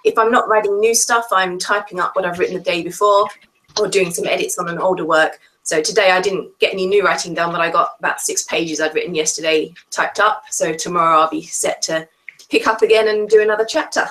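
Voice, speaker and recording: A woman with a lowish voice speaks steadily on a casual video call, laying out her thoughts in an orderly way. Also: fairly quick, rough recording. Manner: steady, organized explanation. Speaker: author and freelance editor.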